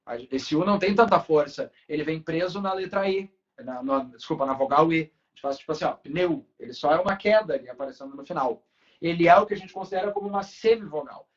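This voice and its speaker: A man's voice: a little high, fast. A man, teaching a Portuguese class in a casual way and checking in with students often. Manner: casual, talks to students with frequent tag questions. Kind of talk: online class lecture. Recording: dull lo-fi recording.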